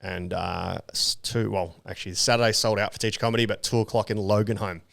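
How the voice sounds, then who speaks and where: A man's voice: lowish voice, steady tone, brisk, gravelly, fairly bright tone. A man chatting casually as a podcast co-host, in a blunt, sweary, matey way. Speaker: podcast co-host and touring comedian.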